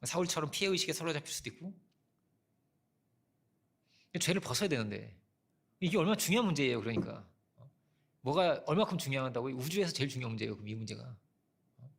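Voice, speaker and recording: Gravelly, animated male pastor preaching. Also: mid-range voice, quick pace, long pauses. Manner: conversational preaching with frequent rhetorical "어?"; storytelling with personal anecdotes. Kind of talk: sermon.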